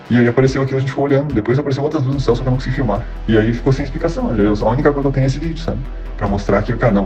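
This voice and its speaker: A man from southern Brazil, speaking through a voice changer as he gives a halting, casual eyewitness account, often repeating words. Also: mid-range voice, rough recording. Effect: voice changer disguising his voice. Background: clear background music.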